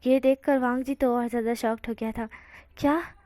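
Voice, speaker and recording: A woman's voice: fairly high pitch, flat delivery, a little fast, mellow, no echo. A woman casually telling a fan-fiction story, dropping English words into her narration. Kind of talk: reading fan fiction aloud.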